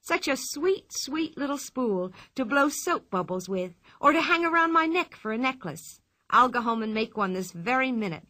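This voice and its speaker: A woman's voice: a little high, unhurried, dry recording, clean studio sound, heavily acted. Woman doing a fearless, cheerful little redhead girl. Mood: delighted. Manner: lively, playful, sing-song lilt. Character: cheerful bold red-haired young girl, fearless.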